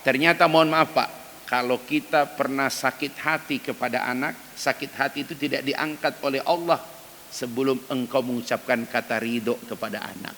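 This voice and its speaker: A man's voice: steady tone, moderate pace. A man preaching an emphatic dawn sermon in a mosque, speaking directly to the men of the congregation. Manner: acts out quoted prayers in loud, high cries. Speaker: ustadz preacher. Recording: reverberant mosque hall with faint hiss.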